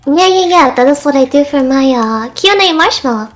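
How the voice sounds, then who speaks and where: A young woman with a very high voice chats casually as a guest on a stream. She talks playfully and breaks into giggles and little exclamations. Faint music plays in the background. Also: lively intonation, fairly quick. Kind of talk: casual chat.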